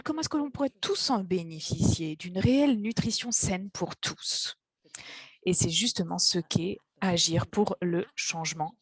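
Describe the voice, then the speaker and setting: A woman giving live interpretation of an online event's host and panelists, halting now and then with fillers as she keeps pace. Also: medium pitch, darkish tone, slightly rough. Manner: halting, with fillers and restarts while keeping up with speakers.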